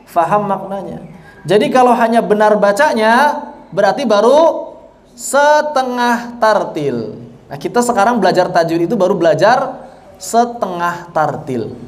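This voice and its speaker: A man teaching an online tajwid lesson, explaining slowly and deliberately with repetition. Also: sits high. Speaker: Quran recitation teacher.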